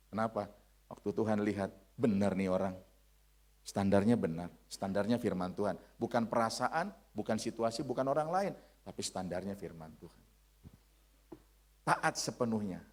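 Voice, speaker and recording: A man in his thirties preaching a sermon in a church, forceful, dropping to hushed lines and rising to shouted ones. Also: fairly low pitch. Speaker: pastor. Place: church sanctuary.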